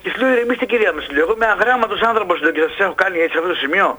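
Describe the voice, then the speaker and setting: A man, calling in to a radio show and retelling a story in an excited, rambling way with stammered restarts. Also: high voice, rough recording. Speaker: caller. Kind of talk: phone-in chat, retelling a story.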